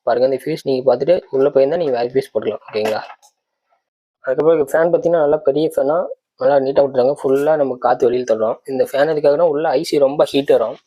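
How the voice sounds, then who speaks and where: This tech channel presenter speaks at a medium pitch with a dark tone. He walks through a product casually and step by step, frequently checking that his audience is keeping up.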